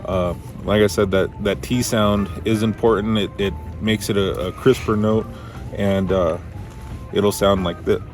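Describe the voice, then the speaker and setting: A man giving a casual, instructional how-to as a hunting teacher, talking in a halting way as he thinks aloud. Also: lowish voice, steady tone, soft background music. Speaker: duck calling instructor.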